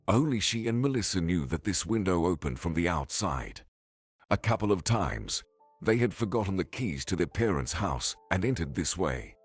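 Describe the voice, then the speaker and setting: A man reading a suspenseful family story aloud in an expressive, scripted narration. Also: low-pitched, breathy edge. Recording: faint background music.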